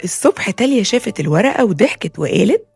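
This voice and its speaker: A woman with an Egyptian Arabic accent narrating a children's bedtime story in an expressive, soothing way. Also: mid-range voice, fast, creaky, slightly rough, soft background music.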